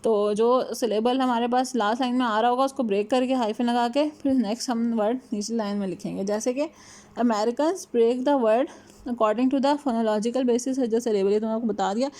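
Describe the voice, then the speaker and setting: Woman teaching, mellow higher voice. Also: fairly even intonation. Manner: mixes Hindi and English, reads English examples slowly; adds "ठीक है" after points. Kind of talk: lecture on punctuation.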